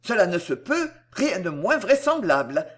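A proud young gentleman pleads and declaims in formal, agitated phrases, read by a woman. The storybook voice rises and falls freely, with middling pitch. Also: very animated, normal speed, breathy edge. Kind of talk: audiobook character reading.

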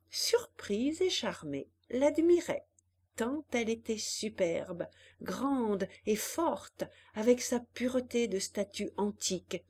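A woman narrating a classic novel aloud with an expressive, measured delivery. She takes her time, at a slow and even pace, in a mid-range voice. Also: medium pitch. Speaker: audiobook narrator. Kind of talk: literary audiobook narration.

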